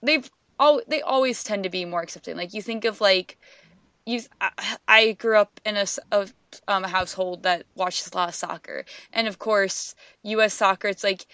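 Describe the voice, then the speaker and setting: A woman's voice: mid-range voice, normal speed, pushed and bright, smooth, dry recording. Rambling woman podcast co-host. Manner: rambling, filler-heavy, swears casually. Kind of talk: casual chat.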